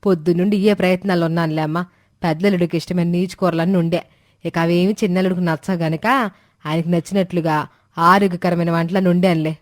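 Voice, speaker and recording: A man's voice: high-pitched, little pitch movement, fast, no echo, studio quality, voice pushed up, lightly acted. A man voicing a kindly, hospitable middle-aged village mother-in-law in a storybook tale, with fond, homely speech. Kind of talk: storybook character voices.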